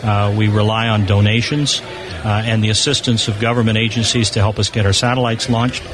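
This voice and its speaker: An American man with a fairly low, steady voice speaks a little quickly, explaining things in an informal, enthusiastic way. He's a spokesman for an amateur satellite organization, interviewed at an exhibition booth in a convention hall. Busy crowd chatter from the convention floor fills the background.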